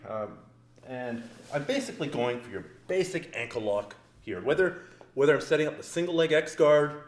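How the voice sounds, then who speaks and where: A grappling instructor with a medium-pitched voice demonstrates moves on a partner in a training mat room, and the sound is roomy. His teaching is casual and joking, and he explains every step as he goes.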